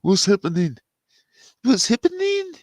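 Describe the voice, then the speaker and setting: Squeaky teasing pest, singsong giggles, put on by a man, high and shrill. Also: huge pitch swings, measured pace, darkish tone, dry recording, exaggerated voice. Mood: taunting. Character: squeaky taunting bossy man.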